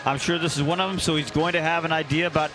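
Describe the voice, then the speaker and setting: Folksy, higher-pitched male color commentator. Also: steady tone. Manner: folksy, unhurried, frequent "uh" fillers. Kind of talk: radio sports analysis. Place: stadium broadcast booth.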